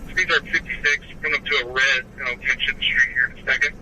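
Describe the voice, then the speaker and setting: A man's voice: mid-range voice, steady tone, fast talker, pushed and bright. A male police officer giving clipped procedural updates over police radio. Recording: noisy police radio scanner feed.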